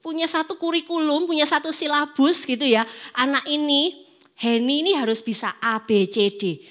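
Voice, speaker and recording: Young woman, youth preacher, casual sermon, acts out voices, fairly high pitch. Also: normal speed. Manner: lively, acts out students' excuses in character voices. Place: church service.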